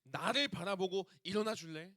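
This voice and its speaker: Brief: tender male savior figure, soft and pleading, as a preacher speaks him, high bright voice. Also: normal speed, no echo.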